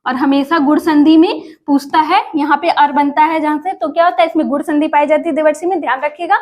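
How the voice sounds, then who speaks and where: Woman teacher w/ a high voice, quizzing viewers n repeating answers. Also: steady tone, fairly quick, a little mellow. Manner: addresses viewers as friends, asks and repeats answers. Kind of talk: exam prep lesson.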